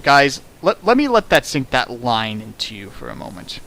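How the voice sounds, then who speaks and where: Streaming from his home setup, a man who reads and riffs on fanfic delivers a story aloud with sarcastic, exasperated mockery and put-on voices. His medium-pitched, fairly bright voice swings hugely in pitch at a moderate pace.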